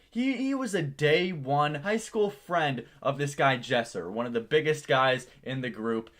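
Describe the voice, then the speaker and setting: A man with a mid-pitched voice delivers a casual exposé commentary. He is sarcastic and scornful about what he describes. He leans on key words and swears freely as he makes his case. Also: a bit bright. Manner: emphatic, heavy casual swearing. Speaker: YouTube drama commentator.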